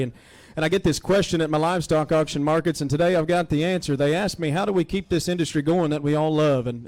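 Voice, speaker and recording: A man's voice: on the high side, darkish tone. A man, giving an earnest introductory speech as an auctioneer contestant into a stand microphone. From Oklahoma, United States. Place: indoor livestock auction arena. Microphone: stand microphone, close to mouth.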